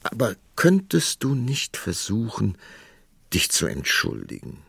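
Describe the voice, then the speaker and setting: A man voicing a petulant, tearful middle-aged queen in a breathy, plaintive falsetto for an audiobook. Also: huge pitch swings, unhurried, bright, forceful tone, dry recording, studio quality, full character voice. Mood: miserable. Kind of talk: audiobook character voice.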